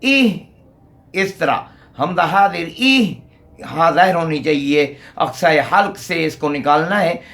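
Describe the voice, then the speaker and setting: A man teaching Quran recitation in a methodical lesson, pausing to sound out syllables slowly. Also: fairly high pitch, fairly bright tone.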